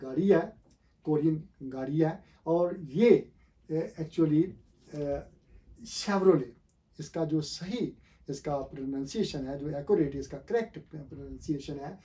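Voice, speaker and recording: A man teaching a pronunciation lesson. He asks the viewer questions, repeats the answers, and talks slowly and deliberately with frequent pauses to think. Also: fairly high pitch, dark tone. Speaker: language teacher.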